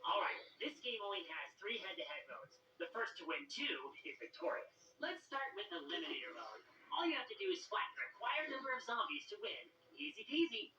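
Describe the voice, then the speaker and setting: Woman playing a bright, taunting boogeyman. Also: medium pitch, big pitch swings, a little fast, a little hiss or hum. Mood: playful, taunting. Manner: theatrical, smug, taunting. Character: taunting bony-handed boogeyman, menacing but playful game master. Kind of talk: scripted comedy skit. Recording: roomy, dull, distant, faint music.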